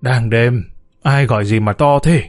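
A man voicing a gruff, sleepy middle-aged male neighbor in a spoken story, talking bluntly. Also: medium pitch, a little slow, soft background music, natural voice.

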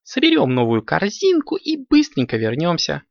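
A man voicing an excitable little boy kitten, eager and impatient, on a dull lo-fi recording. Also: on the high side, moderate pace, gravelly, dry recording, pitched above the performer's own voice, heavily acted.

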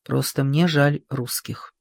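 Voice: mid-range voice, steady tone, creaky, no echo. A reader voicing a dry-voiced old general. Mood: dry, grave. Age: older. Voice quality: dry, cracked voice. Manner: terse, measured, quietly bitter. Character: aging weary former general, dry and proud. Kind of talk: audiobook character reading.

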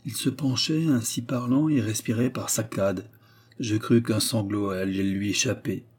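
A man reads a literary story aloud in a measured, grave way. His voice sits low and dark, with a husky, slightly breathy grain. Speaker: audiobook narrator. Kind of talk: literary audiobook narration.

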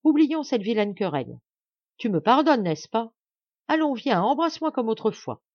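A woman's voice: a little high, very animated, normal speed, no room sound, lo-fi sound, voice pushed up. A woman reading a novel aloud, voicing a proud and cunning young noblewoman who speaks coldly and with control. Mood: coaxing. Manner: cold and controlled, then coaxing.

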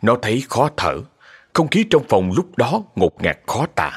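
A man narrating a scripted ghost story in a calm, expressive way. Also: mid-range voice, unhurried, slightly rough.

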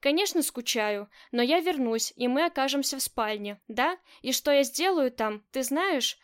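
A woman's voice: sits high, lively intonation, moderate pace. A woman reading the lines of a cold, self-assured female crime boss in an audiobook. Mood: casual. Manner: curt, cool and self-assured.

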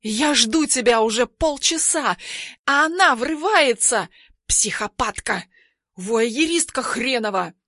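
A woman reader voicing a haughty, spiteful young woman who yells and sneers in an audiobook. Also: fairly high pitch, lively intonation, a little slow, no echo, studio quality, voice pushed up, heavily acted. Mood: furious.

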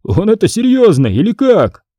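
A man reading an audiobook, voicing a confident boy who explains game rules in a low, mysterious and impatient way. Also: wildly swooping pitch, normal speed, dark tone, no room sound, clean studio sound. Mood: instructing. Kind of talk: audiobook character voice.

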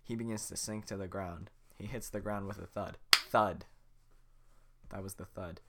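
A man's voice: low-pitched, fairly even intonation, fairly quick, heavy background noise. A man hosting a podcast, reading a script aloud in a casual, joking way with offhand asides. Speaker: podcast host.

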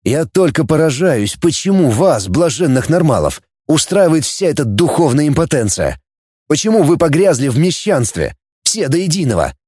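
A man's voice: on the high side, sing-song, moderate pace, mellow, husky, no echo, pitched above the performer's own voice. Man playing a cynical outcast man, sardonic, blunt, scornful, dry close sound.

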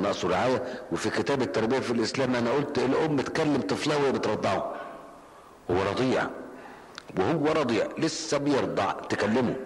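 In a large mosque hall, an older man with an Egyptian Arabic accent and a lowish voice preaches, answering questions through stories in everyday speech. He repeats phrases to drive points home, and the recording is rough.

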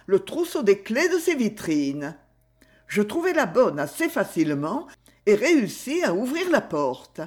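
A woman's voice: on the high side, darkish tone. A woman voicing a frightened young woman who pleads and confesses, her voice raised and trembling.

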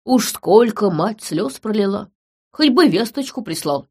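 A woman's voice: mid-range voice, expressive, a little slow, darkish tone, slightly rough. A woman voicing a weary, rueful older father in a storybook reading. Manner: sighing, rueful.

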